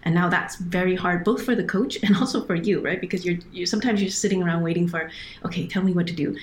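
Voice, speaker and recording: Over a remote call, a middle-aged Hong Kong woman who works as an operations director is interviewed as a podcast guest. She talks fast in a lowish voice, explaining earnestly and often restarting her sentences, with a faint hiss or hum on the line.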